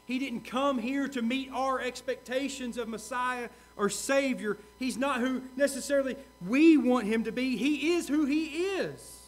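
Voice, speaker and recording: A male pastor preaching a sermon, earnest, repeating key questions and swinging from loud to hushed. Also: very high voice, steady tone, moderate pace, hardly any pauses.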